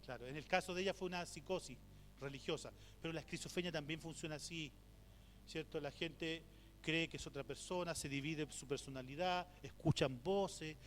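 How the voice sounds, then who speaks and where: A man's voice: on the high side, moderate pace. A middle-aged man with a Chilean accent, a pastor teaching at a church conference, telling stories and asking rhetorical questions. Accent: Chilean Spanish. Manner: storytelling with rhetorical questions, acts out quoted voices. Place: church hall. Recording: reverberant hall with faint hum.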